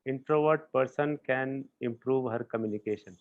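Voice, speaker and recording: Man, Indian English accent, hesitant moderator, mid-pitched voice, lo-fi call audio. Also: normal speed. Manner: hesitant, many fillers, friendly laughs. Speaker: webinar moderator.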